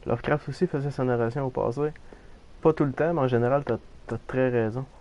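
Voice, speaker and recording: A man's voice: mid-range voice, steady tone, brisk, darkish tone, lo-fi sound. A man with a Québécois French accent, casually commenting on a game for viewers and swearing freely. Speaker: game streamer.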